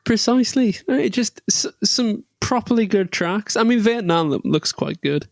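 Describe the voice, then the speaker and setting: A man's voice: sits high, expressive, normal speed, vocal fry, no echo. A man co-hosting a podcast in casual chat, rambling and jokey, with plenty of tangents and restarts. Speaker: podcast co-host.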